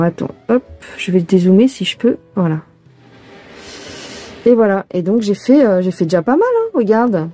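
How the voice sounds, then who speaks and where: A chatty French woman with a warm, medium-pitched voice teaches cross-stitch in a casual hands-on tutorial. She thinks aloud and addresses the viewer as tu, recorded on a phone filming her hands.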